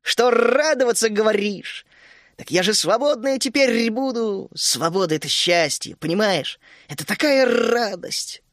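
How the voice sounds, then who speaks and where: A bossy little gnome queen, put on by a male reader, fires off brisk, mocking exclamations in a high, bouncing voice. The storybook reading is close and dry, with no room sound. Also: expressive, no echo. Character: bossy cheerful female gnome queen, small.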